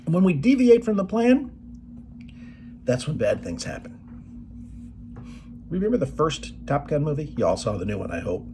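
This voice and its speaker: A man's voice: on the high side, huge pitch swings, moderate pace, pauses often, warm tone, a little hiss or hum. A middle-aged man giving a motivational presentation, telling movie stories in a folksy way. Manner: folksy storytelling, quoting movie lines.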